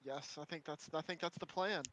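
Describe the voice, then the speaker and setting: A man's voice: on the high side, a little fast, fairly bright tone. A man playing a tabletop game, eagerly throwing out plans and saying "like" a lot. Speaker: player. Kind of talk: casual tabletop game chat.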